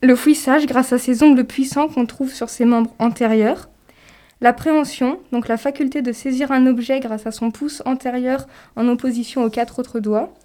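A woman's voice: high voice, warm tone. A woman co-presenting a nature radio programme, reading scripted, informative narration.

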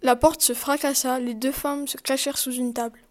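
A woman's voice: high-pitched, fairly even intonation, moderate pace. A woman reading story narration and announcing the chapter titles.

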